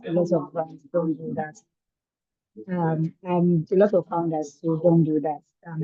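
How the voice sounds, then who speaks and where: A woman speaking as a webinar panelist over breaking-up online call audio, talking in a halting way with many ums and restarts. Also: lowish voice, husky, no room sound. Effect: choppy, breaking-up online call audio. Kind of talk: unscripted webinar answer. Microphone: remote computer or phone call. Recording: tinny dry online call line.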